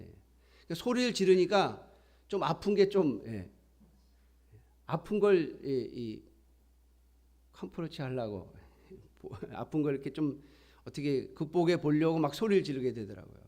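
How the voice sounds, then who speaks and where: A middle-aged pastor delivers a sermon in a relaxed, conversational way. His voice sits a little high for a man. Now and then he slips into acting out the voices he quotes. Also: normal speed, pauses often.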